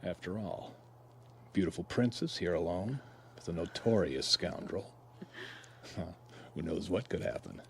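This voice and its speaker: Han Solo, roguish, wry space smuggler. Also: male voice, deep voice, expressive, unhurried, creaky, pauses often, slight background noise, heavily acted. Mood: coaxing, flirtatious. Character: roguish ex-smuggler husband, wry, restless, romantic. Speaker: actor in an audio drama. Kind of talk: dramatic radio-play acting. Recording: music bed behind the voice.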